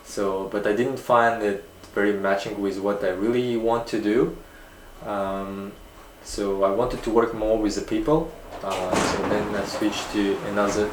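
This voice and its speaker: A man's voice: fairly low pitch, noisy background. A young man from Uzbekistan answering interview questions hesitantly, with many fillers and restarts. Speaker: guest. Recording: echoey room.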